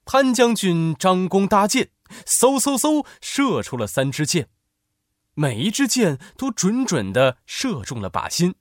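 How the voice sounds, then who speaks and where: A man narrating a children's story in an expressive, animated way. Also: high voice, a little slow, no room sound, clean studio sound.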